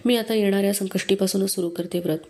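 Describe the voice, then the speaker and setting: A woman's voice: medium pitch, fairly even intonation, fast talker, vocal fry, mellow, lightly acted. A woman voicing a kind, childless housewife who speaks earnestly and tenderly.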